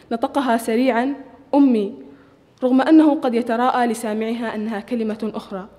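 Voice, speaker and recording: A woman from Saudi Arabia reading her own short story aloud at a literary evening, measured and expressive, with the odd restart. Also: fairly high pitch. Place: hotel function hall. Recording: long reverb of a large hall.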